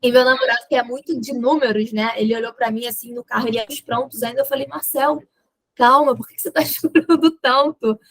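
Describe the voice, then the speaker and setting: A woman's voice: a little high, brisk, dry recording, low-quality recording. A young adult woman with a Brazilian accent, a podcast guest telling a personal story and acting out the dialogue in it. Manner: lively retelling that acts out quoted dialogue, with laughs.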